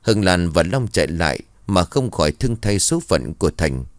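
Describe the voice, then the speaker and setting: A man with a very deep voice narrates a somber story in a steady, even manner. The sound is close and dry, with no room around it. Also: normal speed, dry recording.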